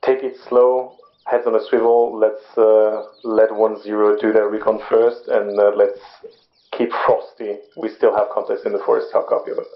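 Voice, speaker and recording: Male squad leader, clipped milsim radio orders, low flat delivery, dull roomy voice-chat sound. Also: normal speed. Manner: clipped military radio phrasing with hesitations. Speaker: squad leader in a military simulation game. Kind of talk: military radio procedure during online gaming. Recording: muffled roomy game voice chat.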